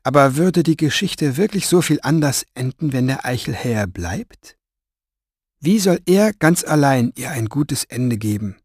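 A man's voice: mid-range voice, expressive, unhurried, slightly rough, no room sound, clean studio sound. A man voicing an earnest teenage girl who pleads in a raised, worried voice. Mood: doubtful.

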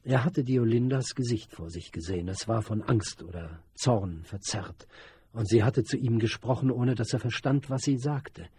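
A man narrating a novel as an audiobook, in an even, measured storytelling manner. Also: medium pitch, breathy edge, dry recording.

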